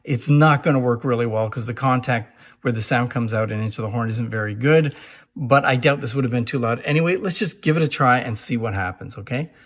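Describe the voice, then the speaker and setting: Speaking fairly quickly in a mid-range voice, a man who collects and presents antique phonographs explains things to viewers in a plain-spoken, unscripted demonstration. The sound is roomy with noticeable echo.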